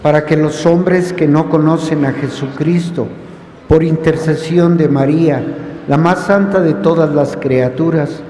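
A man reads the petitions at Mass in a steady, formal recitation. His voice is mellow and slightly raised in pitch. It echoes around a large church, with a long reverb and faint room ambience behind it. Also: unhurried. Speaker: reader of the prayers of the faithful. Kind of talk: liturgical reading.

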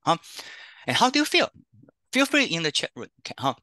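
Over a video call, a counselor from Taiwan runs an online career workshop. He is middle-aged, speaks Chinese as his first language with a Taiwanese accent, and talks fairly quickly in a sharp, fairly high voice whose pitch swoops wildly. The recording is dry, and his chatty delivery is full of "okay, huh?" tags.

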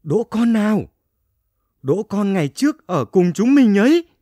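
An excitable, friendly little bean plant from a children's storybook, acted out by a man. The voice is high and very lively, eagerly repeating itself. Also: a little slow, dry recording, full character voice. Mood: excited greeting. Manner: exclamatory, repeats phrases eagerly.

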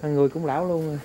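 A woman, a visiting relative making polite, chatty conversation with lots of questions. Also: medium pitch. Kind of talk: casual family chat.

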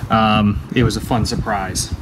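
A man casually showing off a haul from an apartment room, talking in a relaxed way with many ums and fillers. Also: on the low side, a little slow, noisy background. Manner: relaxed, many ums, enthusiastic about collectibles. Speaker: co-host showing a merchandise haul. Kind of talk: casual chat. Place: one-bedroom rented apartment, indoors.

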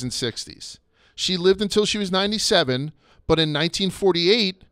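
A slightly high-voiced man hosts a loose history podcast, chatty and crude. His voice is smooth and clear. The sound is close and dry. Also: sharp tone, no echo. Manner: chatty, crude jokes, goes off on tangents. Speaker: podcast host. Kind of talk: casual history podcast chat.

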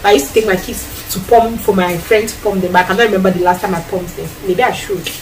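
Fast and mid-range, her voice fills a small tiled kitchen where this Cameroonian-accented vlogger in her thirties cooks and chats casually to camera. She's animated, using many hand gestures and acting out quotes. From a camera a few feet away, the poor audio sounds distant with slight background noise.

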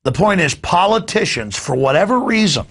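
A man's voice: high-pitched, sing-song, moderate pace, a bit bright, husky. A man hosting a news show in a studio, rambling off the cuff with stammering restarts.

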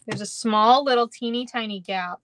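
This young woman, Minnesotan-accented, giggles and rambles her way through a live-streamed card-making lesson, peppering her talk with ums and kindas. She speaks at a normal speed in a slightly high, somewhat bright voice. A little hiss or hum sits under the recording from her indoor craft room.

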